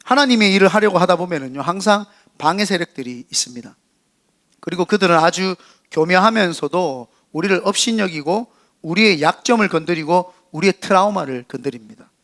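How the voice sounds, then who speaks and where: A man with a rather high voice preaches a church sermon. He moves between a quiet, low delivery and sudden loud, rising calls to get up and try again. Now and then he acts out the mockers' scornful voices. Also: lively intonation, brisk. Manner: impassioned preaching, acting out quoted voices of mockers and encouragers. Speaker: senior pastor. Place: church sanctuary.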